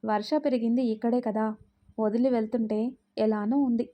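Storybook young mother, gentle and polite, read by a woman, highish mellow voice. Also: little pitch movement, moderate pace, natural voice. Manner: polite, soft-spoken.

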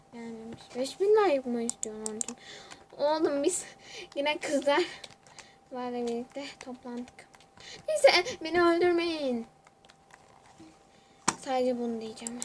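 A young woman chatting excitably to viewers while she plays a computer game. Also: fairly high pitch, slight background noise. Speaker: gamer. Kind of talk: casual gaming commentary.

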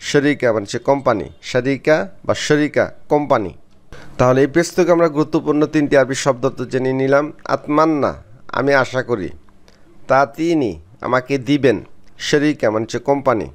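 A man gives a patient phrasebook lesson in a smooth, resonant voice at an ordinary pitch. He says each foreign phrase louder and higher, repeats it, and then explains it word by word. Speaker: language teacher.

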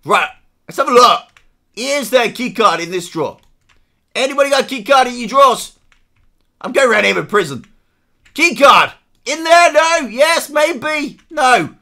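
A live streamer giving excitable, shouty gameplay commentary, repeating phrases and reading chat aloud. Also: sits high, moderate pace, long pauses.

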